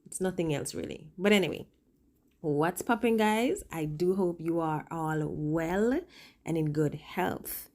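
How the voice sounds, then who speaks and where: Female makeup vlogger, low voice, swollen lip, casual and chatty, emphatic delivery with rambling asides. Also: takes it slowly, darkish tone. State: speaking with a swollen upper lip. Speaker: makeup vlogger and working makeup artist.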